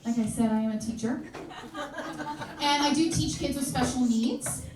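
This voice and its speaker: A woman's voice: sits high, moderate pace, noisy background. A woman doing stand-up comedy in a live club, brash and chatty, teasing the audience. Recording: echoey club, heard from far off. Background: audience laughter.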